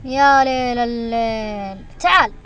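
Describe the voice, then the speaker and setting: A woman streamer giving excited commentary while she plays a game, shrieking when she is chased. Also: on the high side, unhurried, lo-fi sound, soft background music. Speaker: gaming streamer.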